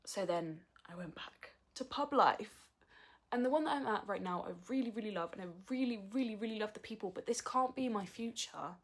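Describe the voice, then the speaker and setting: A woman's voice: medium pitch, lively intonation, fairly quick. A woman, talking frankly and earnestly in a personal vlog. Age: early 20s. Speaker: vlogger. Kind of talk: candid personal vlog talk.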